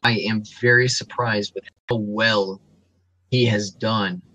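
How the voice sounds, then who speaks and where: A man's voice: lowish voice, steady tone, slow pace, bright, forceful tone, rough recording. A man co-hosting a casual sports podcast, breaking down fighters and records in detail with frequent ums and restarts. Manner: analytical, reels off stats with frequent ums.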